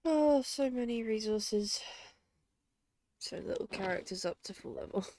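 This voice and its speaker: A woman livestreams a game, chatting casually and talking to herself as she plays, with game music behind her. Her voice is a little high, expressive and dark in tone, and she speaks a little slowly.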